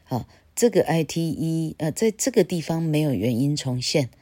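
A woman gives a casual English lesson, chatty and wandering off topic, tagging phrases with "ha" and spelling words out slowly. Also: low voice, expressive, mellow, no room sound. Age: 60s. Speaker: English teacher.

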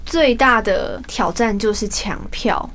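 A woman's voice: medium pitch, expressive, takes it slowly, a bit bright. A young woman with a Taiwanese accent, co-hosting a podcast in a casual, chatty style. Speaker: podcast co-host. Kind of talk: casual chat.

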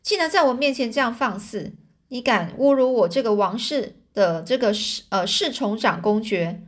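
A woman's voice: a little high, expressive, moderate pace. Woman reading as an irate old duke. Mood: indignant. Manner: indignant and shouting. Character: furious elderly male duke, haughty and easily offended.

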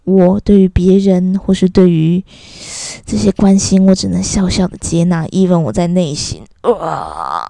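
A woman's voice: mid-range voice, gravelly, dark tone, no echo. A woman with a Taiwanese Mandarin accent hosting a podcast, venting in a casual rant and slipping into voices to quote people. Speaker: podcast host. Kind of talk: casual ranting monologue.

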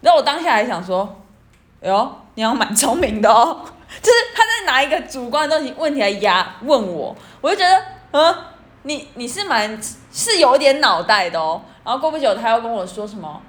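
A woman's voice: on the high side, very animated, a little fast, fairly bright tone. A woman with a Taiwanese Mandarin accent, telling anecdotes as a podcast co-host in casual chat and acting out the quotes. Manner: chatty storyteller, acts out quotes.

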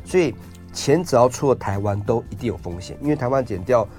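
A man with a Taiwanese Mandarin accent, a guest explaining investing in a radio interview, talking rapidly with many fillers. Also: mid-range voice, lively intonation, a little mellow, faint music behind.

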